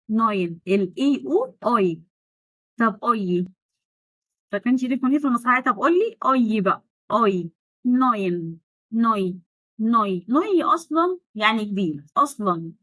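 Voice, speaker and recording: An Egyptian woman leads an online German lesson in a fairly high voice, chatty and sarcastic. She drills pronunciation by repeating words slowly between rapid asides. The recording is close and dry. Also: a bit bright, dry recording, poor audio. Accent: Egyptian Arabic. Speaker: German teacher.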